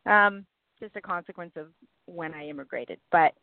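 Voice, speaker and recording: A woman's voice: fairly low pitch, normal speed, creaky, no room sound. A woman guest from Africa, chatting and laughing easily in an interview. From South Africa. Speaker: actress guest. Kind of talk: casual interview. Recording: dry tinny phone line.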